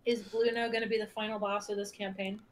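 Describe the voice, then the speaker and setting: A woman's voice: mid-range voice, little pitch movement, fast talker, low-quality recording. A woman playing a tabletop game, chatting and bantering casually with the group.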